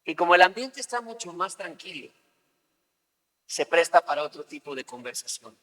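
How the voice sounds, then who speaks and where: Male pastor, fairly high voice, chatty sermon delivery, long hall reverb. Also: very animated, moderate pace, bright, forceful tone. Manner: conversational, acts out everyday scenes.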